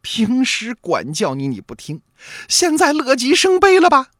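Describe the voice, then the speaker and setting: A man voicing a strict old mother-in-law in a traditional story, scolding in a high, sharp falsetto. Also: wildly swooping pitch, unhurried, dry recording, studio quality, heavily acted. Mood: stern scolding. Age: older.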